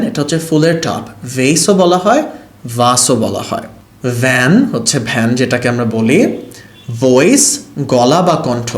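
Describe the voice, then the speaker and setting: Slow, clear male English teacher. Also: mid-range voice. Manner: reads English words slowly and clearly, then explains them quickly in Bengali. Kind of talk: video lesson for beginners. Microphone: laptop setup. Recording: roomy echo.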